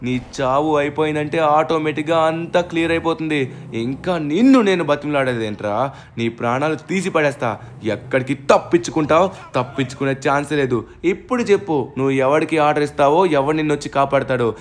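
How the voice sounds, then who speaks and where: A man narrating his own game story with excitement, loudly exclaiming and hurling dramatic threats at his foes. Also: a little high, fast, a little hiss or hum. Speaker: gaming channel narrator and player.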